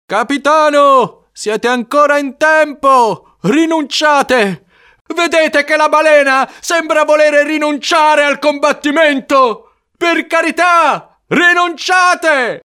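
A woman's voice: high-pitched, bright, forceful tone, voice pushed up, heavily acted. A woman voicing a loyal, anxious male first mate who begs his captain to give up, in a storybook reading. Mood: pleading. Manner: desperate pleading, drawn-out.

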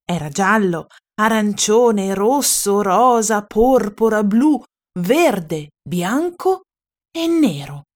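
A woman reading a children's picture book aloud in a lively, expressive way. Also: medium pitch, slow. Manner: lively, expressive read-aloud with playful character voices. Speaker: storyteller.

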